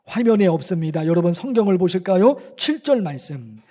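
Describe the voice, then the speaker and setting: A middle-aged male pastor preaching to his congregation, swinging between emphatic lines and hushed ones and repeating phrases for emphasis. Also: sits high, big pitch swings, brisk. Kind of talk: sermon. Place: church sanctuary.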